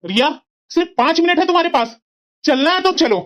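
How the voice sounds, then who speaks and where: A woman's voice: very high-pitched, lively intonation, fairly quick. A woman voicing a stern young husband in a cartoon family drama, lecturing firmly and with reproach. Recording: dull lo-fi sound.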